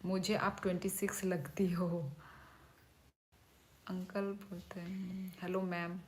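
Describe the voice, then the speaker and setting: With a lowish voice, fairly even intonation and a slow pace, a native Kokborok-speaking woman in her thirties hosts a livestream. She chats casually with viewers and reads their names aloud.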